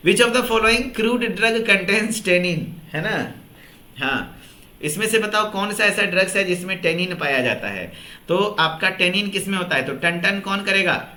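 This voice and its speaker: A man's voice: high-pitched, animated, slow, bright, forceful tone, reverberant. A tired man teaching an online pharmacy exam-prep lecture in a conversational way, who repeats each answer back to his class as a question. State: tired after a full day of work.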